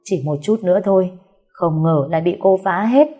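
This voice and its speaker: A woman doing a vicious, scheming young maidservant, menacing and commanding, her voice low and dark with a husky rasp. An audiobook reading with faint music underneath. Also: moderate pace, natural voice.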